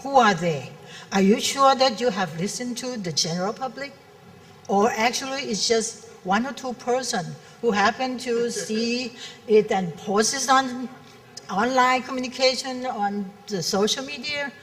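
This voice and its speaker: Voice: mid-range voice, measured pace, a bit bright, far from the mic, slight background noise. A panelist giving frank advice in a conference panel discussion, often repeating words as she or he speaks. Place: convention hall.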